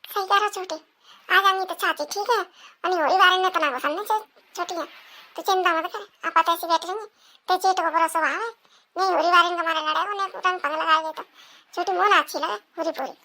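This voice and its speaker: A woman's voice: extremely high pitch, steady tone, fairly quick, sharp tone, heavily acted. A woman voicing a chatty cartoon village woman who gossips in a colloquial way. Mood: gossipy.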